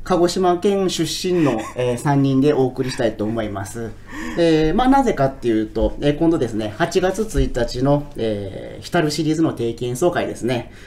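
A man from Kagoshima, a principal trombonist, hosting a casual chat with fellow orchestra players, relaxed and full of fillers. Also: mid-range voice, moderate pace, slight background noise. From Kagoshima, Japan. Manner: relaxed, laughs easily, many fillers.

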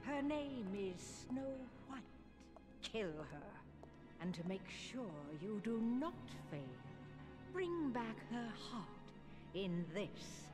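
An evil queen of a video game, cold and imperious. She declaims slowly in grand old-fashioned words, her pitch rising and falling widely. Loud music plays behind her. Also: very animated. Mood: cold, menacing. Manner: commanding, theatrical, archaic diction. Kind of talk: video game cutscene acting. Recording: music over game dialogue.

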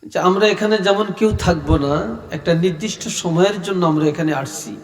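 A middle-aged man from Bangladesh preaching a sermon at an open-air gathering, speaking slowly and softly without hurry. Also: fairly high pitch. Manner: slow, soft-spoken, unhurried. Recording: echoey reverberant public address.

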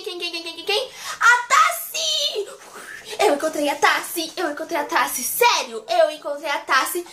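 An excitable young Brazilian woman vlogging to camera, her voice very high and bright. She gushes and repeats words for emphasis, with a faint hiss of noise behind her. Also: echoey room. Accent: Brazilian Portuguese. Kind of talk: casual chat to camera.

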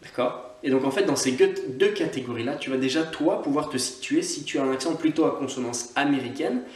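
Scottish teacher in a roomy echo. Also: male voice, mid-range voice, brisk, darkish tone. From Scotland. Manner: chatty, repeats words for drilling. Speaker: online English teacher. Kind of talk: casual video lesson. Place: on holiday, away from usual setting.

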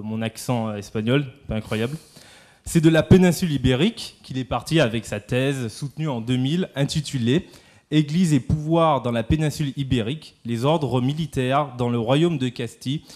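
A man's voice: medium pitch, a little mellow. A young man, a student, reading a formal introduction in a lecture hall, hesitant and full of filler sounds. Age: young adult. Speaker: student interviewer.

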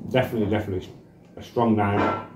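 A man in his forties giving an informal snack review, thinking aloud in short, halting phrases. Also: on the low side, steady tone. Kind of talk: casual food review to camera. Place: small bare indoor room. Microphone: camera across a table. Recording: echoey room with clear background noise.

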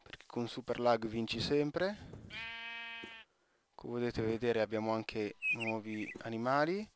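A young Italian man talks his way through a game at home, rambling, restarting words and cracking jokes at his own gear. His voice sits at an ordinary pitch, with a clear hiss of background noise under the recording. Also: unhurried. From Italy. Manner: rambling, self-interrupting, joking asides. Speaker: gaming YouTuber. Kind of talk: casual gameplay commentary.

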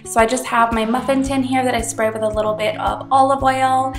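A young cooking channel host, her slightly high voice a bit congested from a cold, narrates a casual recipe tutorial in a chatty, upbeat way, explaining each step. She speaks fairly quickly in a level tone. The voice-over is recorded in a roomy home kitchen with light music underneath.

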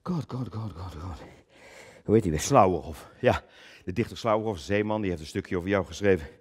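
Performing a stage monologue, this male cabaret artist swings from thundering proclamations to quiet, mumbled asides, stumbling over and repeating words along the way. He talks briskly, with a darkish tone and a breathy edge.

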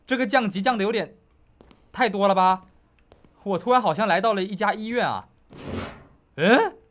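A man's voice: sits high, a bit bright. A young man commenting on a horror game for his viewers, joking, talking to them directly and insisting he is not scared. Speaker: gaming YouTuber. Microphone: headphones on, desk mic.

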